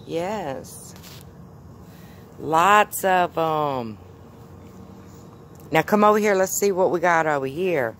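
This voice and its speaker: Filming on her phone in the backyard vegetable garden, a mother patiently coaxes her toddler with simple questions in a casual home video tour. Her low-pitched, slightly bright voice is expressive, and she takes it slowly, pausing often. A little hiss or hum sits under the recording.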